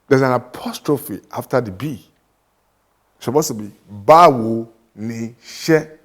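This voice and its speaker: A man teaching greetings, coaxing his student to repeat after him in a playful way. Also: medium pitch. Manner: coaxing, playful, mixes English and Yoruba. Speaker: language teacher.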